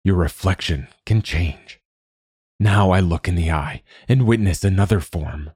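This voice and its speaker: A man voicing a gentle, wise older male guide who speaks slowly and in a fatherly way. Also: low-pitched, breathy edge, no echo, studio quality. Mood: solemn. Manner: slow, fatherly, calls the youth lad.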